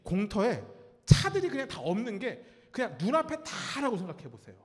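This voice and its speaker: Animated pastor preaching in a reverberant hall. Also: male voice, high-pitched, fairly quick. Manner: animated storytelling, acts out cries and quotes; asks the congregation questions. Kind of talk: sermon. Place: church sanctuary.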